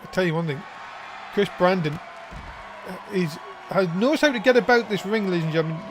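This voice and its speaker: A man doing informal play-by-play as a wrestling commentator, given to drawn-out, excited calls. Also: high voice, faint music behind, some chatter behind, rough recording. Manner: breaks into drawn-out excited shouts at big moves.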